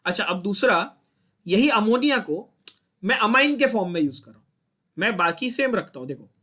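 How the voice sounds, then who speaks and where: In a classroom chemistry lecture, an Indian-accented man explains step by step at normal speed. His voice sits high and sounds expressive with a sharp tone, and he frequently checks in with students.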